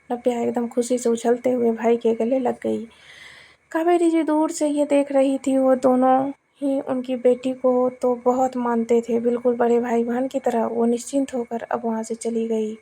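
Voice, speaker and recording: A woman narrates a family drama and voices every character's lines herself. Her voice sits high and sounds soft and mellow, with a breathy, slightly husky edge. The reading is steady and unhurried throughout. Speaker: storyteller. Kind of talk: scripted story narration with voiced dialogue.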